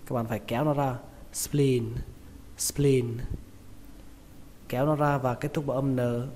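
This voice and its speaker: Vietnamese man drilling pronunciation slowly. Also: medium pitch, steady tone, darkish tone. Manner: repeats each word slowly, stressing syllables. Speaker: English teacher. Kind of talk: pronunciation lesson. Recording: reverberant room with faint noise.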